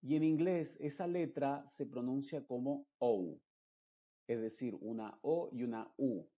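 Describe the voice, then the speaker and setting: A man's voice: medium pitch, a little slow, warm tone, dull audio. A man, teaching English pronunciation patiently and repeating example words. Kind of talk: slow, explanatory lesson narration.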